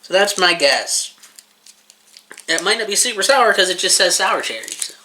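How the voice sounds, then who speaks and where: A casual reviewer chats through a taste test in a rambling, informal way with plenty of swearing. The voice is bright and forceful, with animated swings in pitch. There is clear background noise on the recording. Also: moderate pace. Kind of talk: casual rambling chat, reviewing while eating.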